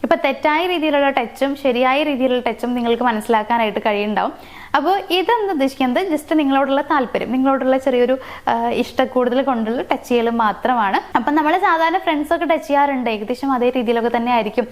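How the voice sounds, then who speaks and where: A woman's voice: sits high, fast. A woman talking casually to her viewers, explaining relationship signs point by point, with fillers and restarts along the way. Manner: explains in numbered points with fillers and self-corrections. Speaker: relationship advice host. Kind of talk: casual advice talk to camera.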